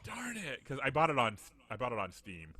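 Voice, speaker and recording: A man hosting a casual video-call chat, animated and jokey, slipping into mock voices. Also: medium pitch, fast. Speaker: podcast host.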